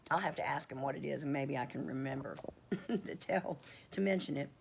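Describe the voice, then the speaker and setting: There's slight hiss or hum as a middle-aged homestead vlogger with a croaky bass voice rambles through a casual personal testimony, halting often with fillers and restarts.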